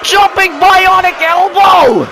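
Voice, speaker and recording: A man with a high voice calls wrestling action in a loud, exclamatory rush, cracking jokes between the big moments. Steady noise hums under the recording. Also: takes it slowly, creaky, a loud crowd. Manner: shouting, exclamatory, jokey. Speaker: play-by-play commentator. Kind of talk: excited wrestling commentary.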